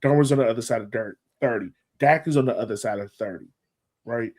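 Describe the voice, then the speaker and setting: Fast and darkish in tone, this medium-pitched man co-hosts a casual sports podcast with a fan's emphatic delivery. He frequently restates phrases to make his case.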